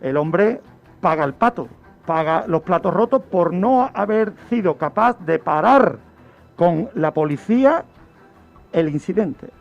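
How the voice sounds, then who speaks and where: A criminologist who regularly narrates true crime on a radio show tells the history emphatically and explains as he goes, posing his own questions. His high, animated voice has vocal fry and a measured pace, heard through dull lo-fi radio audio with music.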